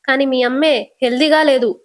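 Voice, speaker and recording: A woman voicing an angry middle-aged father who shouts and lectures his daughter. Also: sits high, fairly even intonation, moderate pace, close to an everyday voice. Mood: angry scolding.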